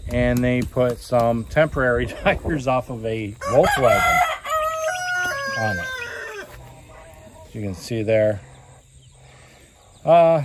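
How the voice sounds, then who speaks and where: A homesteading vlogger in his forties does a rambling, folksy walkaround of a tractor, speaking in a medium-pitched voice with fillers like "uh" and "you know." He's outdoors on a rural farm lawn, talking into a phone camera held at arm's length. The background is noisy.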